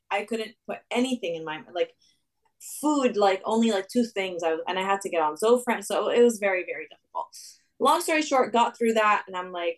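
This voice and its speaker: A woman dentist from Saudi Arabia chatting as an interview guest, animated and full of restarts. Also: medium pitch, far from the mic, low-quality recording. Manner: animated, rambling with many restarts. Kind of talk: casual interview talk.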